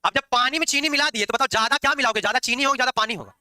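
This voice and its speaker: A man teaching chemistry in a classroom lecture, lively and teasing his students as he explains. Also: extremely high pitch, racing, dry recording. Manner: lively, scolding and joking with students.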